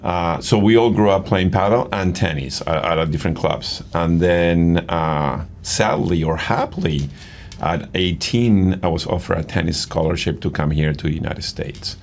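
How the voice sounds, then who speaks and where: A man's voice: low voice, normal speed, vocal fry, a little hiss or hum. A middle-aged man from Argentina, a padel coach as interview guest, talking enthusiastically with many fillers and restarts. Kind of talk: casual interview conversation.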